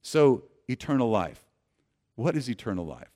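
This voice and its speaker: A man preaching a sermon, earnestly leading his congregation and often restarting his phrases, swinging from loud emphasis to soft low endings. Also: big pitch swings, normal speed. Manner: earnest preaching, asks congregation to repeat lines aloud; frequent restarts and repeated words. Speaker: pastor.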